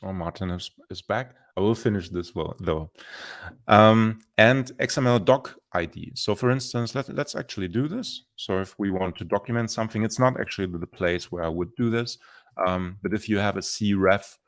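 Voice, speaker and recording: A man presenting a software demo on a live stream, explaining features as he thinks aloud with many restarts and fillers. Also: on the low side, normal speed. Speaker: developer presenter.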